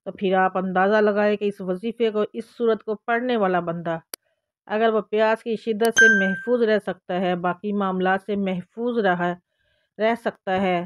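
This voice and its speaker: A woman's voice: mid-range voice, no echo, clean studio sound. A woman with a Pakistani Urdu accent hosting a religious channel, explaining a devotional routine step by step and speaking straight to her viewers. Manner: addresses viewers directly, repeats instructions step by step. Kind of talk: instructional religious talk.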